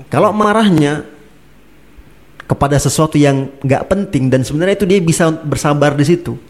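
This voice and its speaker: A man's voice: a little high, normal speed. A man, an Islamic preacher, explaining religious points in a casual talk, chuckling and acting out the people in his examples. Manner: lively, laughing, acts out angry speakers.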